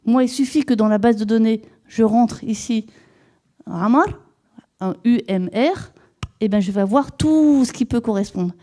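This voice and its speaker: A woman delivers an academic lecture, speaking with a somewhat high, mellow voice. She explains her research step by step, often restarting her sentences and turning to the audience with questions. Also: moderate pace. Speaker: lecturer in epigraphy.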